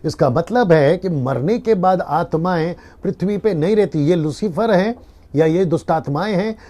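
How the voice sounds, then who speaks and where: A man's voice: high-pitched, moderate pace, mellow. A man preaching a live-streamed sermon as pastor, teaching earnestly and repeating key lines.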